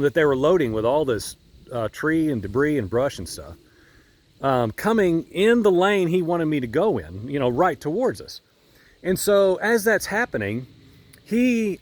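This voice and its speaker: A middle-aged man gives an earnest, folksy devotional talk outdoors on his farm, with frequent ums and restarts. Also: a little high. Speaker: podcast host.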